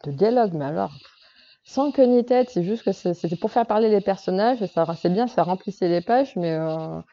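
A woman's voice: mid-range voice, expressive, moderate pace, dark tone, highs cut off. A woman novelist giving a casual talk on writing craft to a group, hesitant and full of fillers and restarts. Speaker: novelist speaking to a workshop group.

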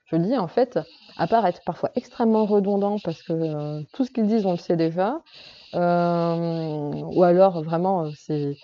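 A woman novelist gives a casual talk on writing craft to a workshop group, hesitant and full of fillers and restarts. Her voice is fairly low and her speed normal, with the highs cut off in the recording.

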